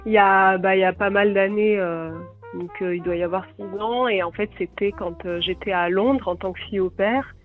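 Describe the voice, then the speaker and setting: A woman's voice: mid-range voice, steady tone, normal speed, soft background music. A young woman from France telling a bad-date story in a chatty way, full of fillers and laughs, on a voicemail message. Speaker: listener sharing a story by voicemail. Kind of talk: casual storytelling. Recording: tinny phone voicemail line.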